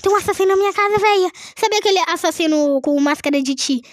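A young girl playing a game with a friend, excitable, often shrieking and laughing. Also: very high-pitched, fast talker, no room sound. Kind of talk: playful game chatter.

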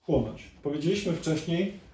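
A man lectures as a chiropractor to a live audience, keeping it conversational and asking the crowd questions often. His dark voice runs fairly high and animated at a normal speed. The hall's echo, the far-off mic and faint noise are all audible.

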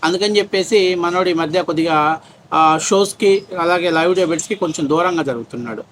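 Male commentator, rapid-fire mocking rant. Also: a little high, a bit bright. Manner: scornful, mocking, name-calling. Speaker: political commentator. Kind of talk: ranting political commentary. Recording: faint background noise.

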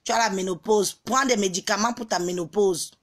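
A woman ranting on her vlog, taunting and mocking, with bursts of shouting and scornful laughter. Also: medium pitch, a little fast, slightly rough. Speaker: vlogger. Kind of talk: angry social media rant.

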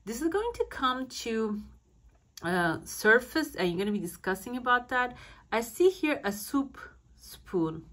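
A woman's voice: fairly high pitch, big pitch swings, unhurried, fairly bright tone. A woman speaking as a fortune teller, giving a coffee cup reading to viewers in searching, interpretive phrasing. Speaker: fortune teller, channel host.

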